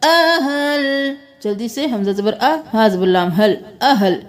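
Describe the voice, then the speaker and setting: A woman teaching Quran recitation word by word, drawing each word out slowly and melodically, then explaining the pronunciation rules. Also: on the high side. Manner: slow drawn-out melodic recitation between brisk spoken explanations. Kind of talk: word-by-word tajweed lesson.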